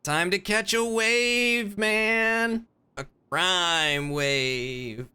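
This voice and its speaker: A chill surfer-dude trooper, played by a man, with a bright, clean voice. He drawls in an unhurried, easygoing way, a little dim, improvising as a cop in an online game role-play. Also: high voice, clean tone, pitched above the performer's own voice, exaggerated voice. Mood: laid-back.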